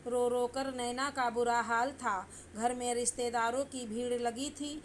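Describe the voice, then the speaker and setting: A woman narrates a moral story in a measured storybook reading. Her voice sits slightly high and hardly rises or falls. A faint ambient hiss lies under the voice. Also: little pitch movement.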